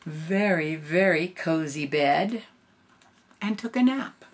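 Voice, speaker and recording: An older woman reading a storybook aloud in a gentle grandmotherly way, adding casual asides. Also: deep voice, animated, takes it slowly.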